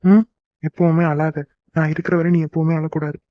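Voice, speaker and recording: A man voicing a gentle young man in a cartoon, soothing and teasing his crying sweetheart. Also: a little high, level tone, normal speed, no room sound, natural voice. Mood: soothing tender. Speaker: voice actor. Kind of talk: cartoon love-story dialogue. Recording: dull lo-fi dry recording.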